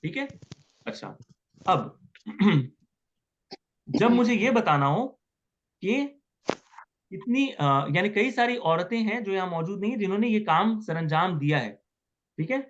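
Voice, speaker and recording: A man's voice: high-pitched, expressive, slow pace, pauses often, lo-fi sound, slight background noise. A man teaching Arabic grammar in an online class, patiently repeating words and asking students questions.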